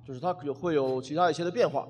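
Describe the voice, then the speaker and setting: Fast high-voiced male sermon interpreter. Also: a little mellow. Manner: brisk, echoing each phrase.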